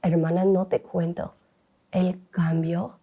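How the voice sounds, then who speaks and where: Mellow-voiced woman co-hosting a faith chat. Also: on the low side, flat delivery, slightly rough, dull audio. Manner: warm-hearted, candid, quick to laugh. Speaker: co-host.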